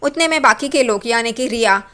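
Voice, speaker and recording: A woman casually retelling a TV serial episode in a plain, steady storytelling manner. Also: a little high, a little fast. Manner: plain, steady retelling with simple linking words. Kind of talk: casual spoken story recap.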